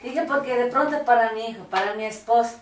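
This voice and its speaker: A woman's voice: on the high side, fairly quick. A woman in a church cell group, earnestly telling a personal story in casual discussion. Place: small home church meeting room. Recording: roomy, distant mic, faint noise.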